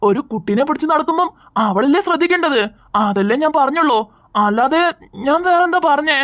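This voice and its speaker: Woman voicing a young cartoon man, high voice, gentle, patient, persuasive. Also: animated, fairly quick. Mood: puzzled.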